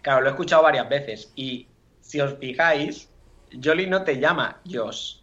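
A man's voice: mid-range voice, moderate pace, fairly bright tone, dull audio. A man co-hosting and chuckling as he explains the clip he prepared. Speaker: podcast co-host, clip editor. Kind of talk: casual chat.

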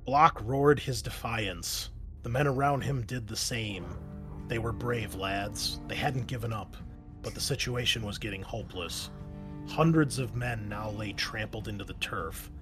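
A man acting as game master, describing the scene and reading battle narration aloud at a measured, steady pace. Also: lowish voice. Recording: music playing underneath.

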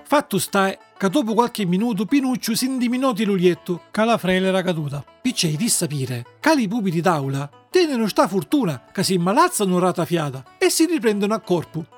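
Expressive storyteller. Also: medium pitch, a little fast, few pauses, soft background music. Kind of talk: storybook reading in dialect.

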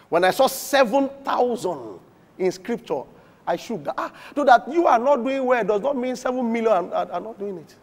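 A man preaching a sermon, swinging from shouted points to murmured asides. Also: extremely high pitch, big-room sound. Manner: emphatic, swings between shouting and murmuring, chuckles often.

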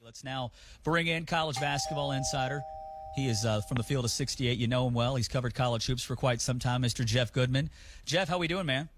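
A man hosting sports talk radio, giving animated opinions with lots of restarts. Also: medium pitch, fairly quick, a little hiss or hum. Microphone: studio mic.

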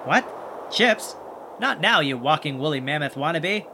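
A man's voice: fairly high pitch, measured pace, gravelly, slight background noise, heavily acted. A man playing a plucky, kindhearted, wisecracking monster hunter who narrates and acts in a children's audio adventure with folksy exclamations. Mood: awed, nervous. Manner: folksy exclamations, animated chatter to sidekick.

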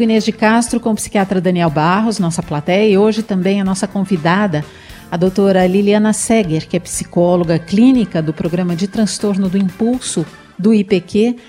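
A woman's voice: medium pitch, dark tone. Brazilian woman radio host, faint music. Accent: Brazilian Portuguese. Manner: measured, introduces topic and guests. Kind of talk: radio talk show hosting.

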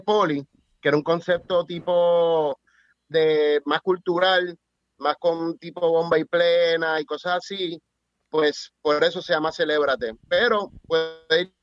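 A young man from Puerto Rico, a podcast guest talking in a relaxed, hesitant casual chat. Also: a little high, measured pace, no room sound, faint music behind. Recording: slightly dull lo-fi sound.

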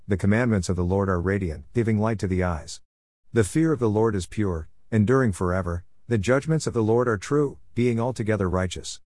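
Male scripture reader, lowish voice, dry close sound, steady measured delivery. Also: no room sound. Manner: measured, steady reading cadence. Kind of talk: scripted Bible reading.

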